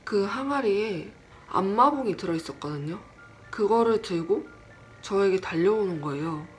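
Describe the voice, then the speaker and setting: Her medium-pitched voice runs at a normal speed over a slight hiss or hum. She's casually recounting a personal horror story, chatty and self-deprecating, and lively as she acts out the quoted voices.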